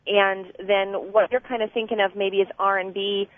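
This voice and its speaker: Over a tinny, clipped phone line from her car, a woman caller chats on a call-in radio show, explaining earnestly with fillers and restarts. She speaks at a moderate pace in a medium-pitched voice with little pitch movement, and there is no echo.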